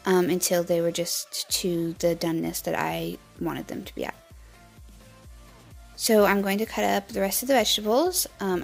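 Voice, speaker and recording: A young woman explaining a home cooking recipe step by step in a relaxed, casual voice-over from her kitchen. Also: medium pitch, creaky, poor audio. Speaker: cooking vlogger.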